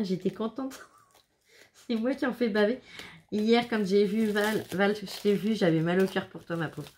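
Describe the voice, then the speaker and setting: A woman's voice: medium pitch, darkish tone, slight background noise. A woman chatting casually as she unboxes handmade scrapbook albums, exclaiming and laughing often. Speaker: scrapbooking vlogger.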